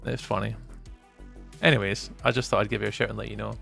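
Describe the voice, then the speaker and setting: A Scottish man from near Edinburgh chats casually and teasingly with viewers while gaming on a live stream, laughing often. His fairly low voice is creaky, bright and forceful, delivered flatly and quickly over soft background music.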